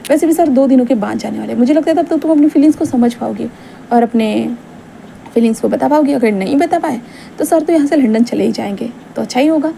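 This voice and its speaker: Nosy young male friend, a woman reading him, teasing and coaxing, high and mellow. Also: fast, vocal fry, slight background noise.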